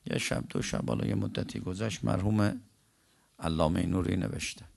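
A man preaching, telling religious stories vividly and breaking into slow chanted verse. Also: low voice, gravelly, darkish tone. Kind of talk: religious storytelling sermon.

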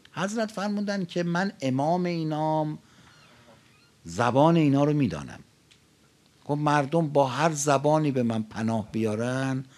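Male preacher from Iran, casual sermon delivery, slightly high voice, builds to loud peaks. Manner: conversational, swells loud and high at climaxes. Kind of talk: religious sermon with storytelling.

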